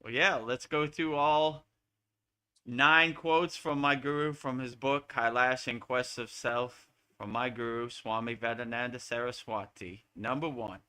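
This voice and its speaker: A man's voice: medium pitch, steady tone, a little slow, pushed and bright, clean tone. An American man, a spiritual teacher, talking earnestly and repetitively in a live Q&A satsang.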